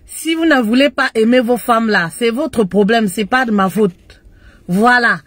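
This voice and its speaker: A woman's voice: fairly high pitch, measured pace, no room sound. A woman relationship coach chatting playfully on a casual live stream, often singing along to the music.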